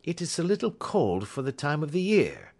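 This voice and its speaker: A man voicing a bland, unflappable gentleman detective with a lightly mocking manner in a storybook reading. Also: a little high, sing-song, normal speed, voice pushed up. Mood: bland, assured.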